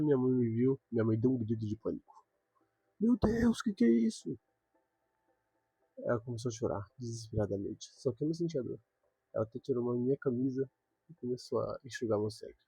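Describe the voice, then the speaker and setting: A man's voice: mid-range voice, warm tone, husky, dry recording. A young man giving an earnest devotional talk, repeating words for emphasis.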